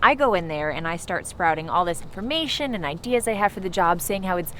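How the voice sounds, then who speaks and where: A woman's voice: lowish voice, lively intonation, brisk, pushed and bright, slight background noise. A woman playing frazzled, rambling Sophie. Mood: exasperated. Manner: rambling, exasperated storytelling. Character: flustered young woman recounting a disastrous meeting.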